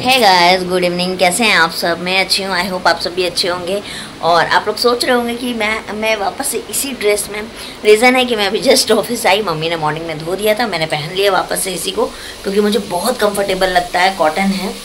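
A young woman vlogger with a lowish voice chats casually with her viewers, calling them "guys," as she talks about her day and family in a home vlog. Background music and other background noise can be heard.

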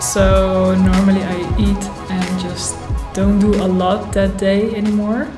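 Slow-talking woman in an echoey room. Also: medium pitch, level tone, over music. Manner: slow, thoughtful, with pauses and fillers. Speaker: vlogger. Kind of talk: casual talk to camera. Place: bright room indoors. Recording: echoey room, faint noise.

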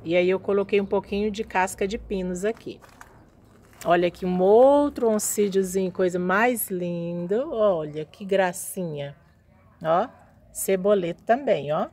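A woman's voice: mid-range voice, measured pace, darkish tone. A woman giving a casual walking tour of her home orchid house, chatting admiringly as she shows her plants to viewers. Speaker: orchid grower vlogger.

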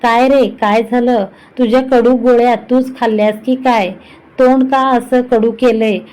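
A woman's voice: on the high side, level tone, normal speed, darkish tone, natural voice, rough recording. A woman voicing a breezy, joking young man in a storybook reading. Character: joking carefree young male friend.

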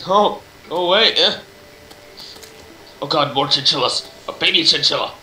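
Young male gamer, high-ish bright voice, yelps and mock drama, roomy echo. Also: a little slow, slight background noise. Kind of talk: casual gaming chat.

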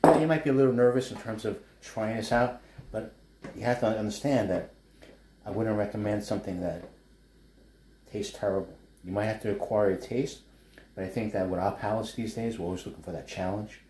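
A chef and food blogger with a low, mellow voice and New York accent cheerfully rambles through a casual home cooking demo, stirring a wok and slipping into chatty asides. His fairly even intonation runs a little fast, ringing slightly in a roomy indoor living-room kitchen with a faint hum of room noise.

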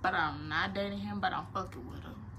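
Her pitch is fairly low for a woman and her delivery brisk, with slight background noise. A nineteen-year-old vlogger, she fields questions casually and playfully from her small bedroom, animated and slangy, hands moving expressively.

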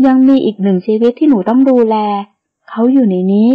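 A woman doing a gentle, firm mother. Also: fairly quick, narrow, tinny audio, close to an everyday voice. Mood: caring. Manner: gentle but firm, lower and soft. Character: caring, firm middle-aged mother.

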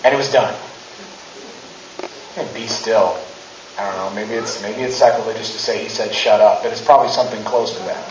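A man in his thirties preaches a casual, funny sermon in a church sanctuary, acting out quotes with mounting emphasis. His voice is lowish and steady, fairly quick, with long pauses and background noise. A handheld mic and a far camera capture it, so the sound is roomy, distant and dull.

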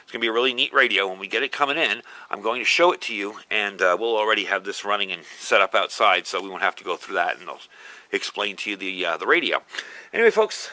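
Speaking quickly with a lowish voice, lively intonation and a bright, forceful tone, a man hosts a folksy, informal product demo, explaining as he goes in a gravel yard outdoors. He's a video host and product reviewer. The recording sounds dry, though the outdoor camera captures ambient noise.

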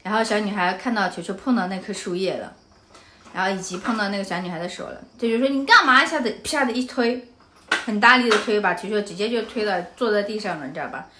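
A woman's voice: medium pitch, fast talker, noisy background. A woman from Anhui, China, vlogging casually and telling a story animatedly, often turning to the viewer with asides.

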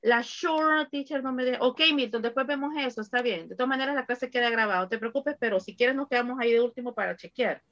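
A woman teaches an online English class, switching between English and Spanish to explain grammar and drilling students with countdowns. Her voice is a little high and a bit bright, fast with hardly any pauses, and the sound is lo-fi.

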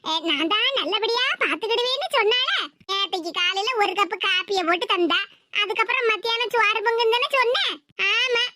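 Someone doing a gossipy nosy neighbour lady, tirunelveli tamil, very high voice, noisy. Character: nosy, caring neighbour woman. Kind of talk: cartoon voice acting.

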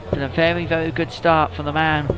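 A man giving live darts commentary in a measured, informative way. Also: fairly high pitch, level tone, fairly bright tone, low-quality recording.

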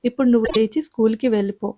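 A woman storyteller voicing a worried widowed father who is gentle but evasive with his daughter, speaking in her own voice. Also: a little high, quick pace, natural voice. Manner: coaxing, then turns stern.

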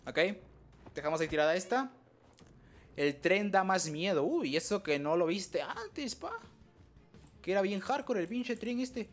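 Excitable gaming streamer, young man. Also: a little slow, long pauses, faint music behind. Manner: excitable, trash-talks opponents, sudden high yelps. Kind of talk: live gameplay commentary.

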